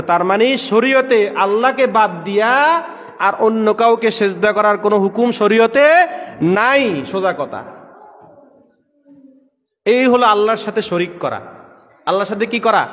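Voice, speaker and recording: A man's voice: high-pitched, a bit bright, long reverb tail. A man preaching a sermon, asking his listeners a question on each point and answering it himself. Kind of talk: sermon with call-and-response questions. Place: gathering room with power trouble.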